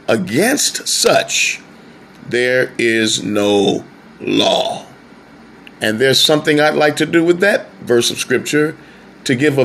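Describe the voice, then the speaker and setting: A man preaching a sermon, slow and drawn out, lifting his voice on key words. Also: mid-range voice, gravelly, a bit bright, a little hiss or hum.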